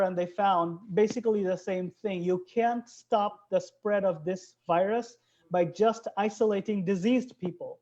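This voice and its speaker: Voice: mid-range voice, darkish tone. A biologist from Bangladesh, a guest in an interview, explaining things in an earnest way. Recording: dull lo-fi recording.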